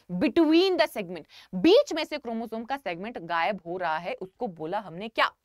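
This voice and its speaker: Woman teacher, animated up-and-down voice, dry close sound, repeats key words. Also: a little high, dry recording. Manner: repetitive, emphatic, addresses students as children. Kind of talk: online lecture.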